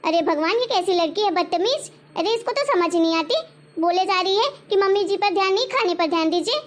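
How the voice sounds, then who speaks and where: Woman doing a mean stingy saas in a home web drama, high-pitched, nags and taunts nonstop. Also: animated, fairly quick, a little hiss or hum. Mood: scolding. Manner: scolding, taunting, repeats demands. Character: harsh stingy older mother-in-law, scornful. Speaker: mother-in-law in a family drama. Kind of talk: homemade web-drama acting.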